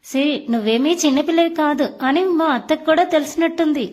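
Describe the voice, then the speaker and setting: A teasing young husband from a storybook, fond and playful with his new bride, read by a woman in her own voice. The voice sits high and light, close to everyday talk. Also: quick pace, darkish tone, lightly acted.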